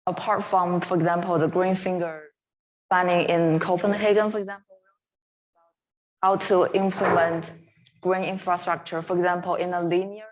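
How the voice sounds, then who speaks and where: A woman taking part in an online panel, asking a halting question while her microphone keeps cutting out and her volume jumps up and down. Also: fairly low pitch, little pitch movement, poor audio. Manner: halting, searching for words. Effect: choppy, uneven volume from a microphone that keeps cutting out. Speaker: roundtable participant asking a question. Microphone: video call microphone.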